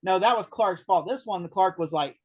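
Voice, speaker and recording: A man co-hosting a casual TV recap chat, animated and acting out characters' lines as he talks. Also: high-pitched, normal speed, highs cut off, over a noisy crowd. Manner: animated, acts out characters in quotes. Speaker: podcast co-host.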